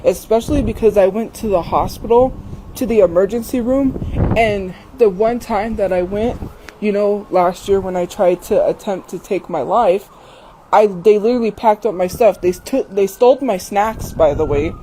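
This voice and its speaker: Female livestreamer, soft mellow tone, casual but emphatic and defensive delivery, windy outdoor recording with faint noise. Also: mid-range voice, moderate pace, rough recording. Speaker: livestream host. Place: outdoors in wind.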